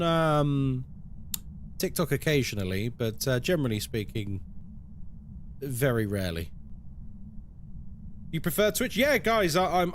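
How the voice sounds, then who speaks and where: A man streams a game and chats casually with his viewers. His voice sits a little high and swings widely as he talks, with a tongue-in-cheek, bantering manner. Faint noise runs behind him.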